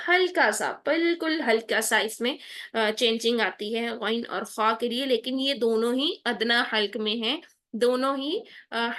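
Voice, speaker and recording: Bright-voiced woman teaching recitation. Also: fairly high pitch. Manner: patient, repeats "theek hai" to check understanding. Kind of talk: online tajweed lesson.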